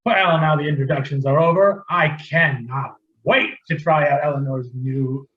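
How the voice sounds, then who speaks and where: An actor playing a flustered, old-fashioned dad in a comedy sketch, stammering and drifting off topic. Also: male voice, a little high, fairly even intonation, moderate pace, a bit bright, highs cut off, close to an everyday voice. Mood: fatherly. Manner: flustered, easily sidetracked, stammering. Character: rambling old-fashioned middle-aged dad. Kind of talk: amateur comedy sketch acting.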